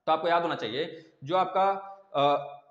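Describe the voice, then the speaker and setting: A man's voice: a little high, measured pace, fairly bright tone, dull audio. A man teaching grammar in an online exam-prep lesson, repeating sounds aloud and asking and answering his own questions. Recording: echoey room with long reverb.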